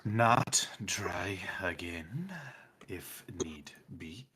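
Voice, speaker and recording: A man at a tabletop game who speaks slowly and in a half whisper. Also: sits low, lively intonation, background noise.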